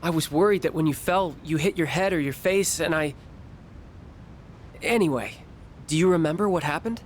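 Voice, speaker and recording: A man's voice: fairly high pitch, normal speed, a little hiss or hum, close to an everyday voice. A man voicing an earnest, caring teenage boy, a student, in a video game. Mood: worried, relieved. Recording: game music behind the voice.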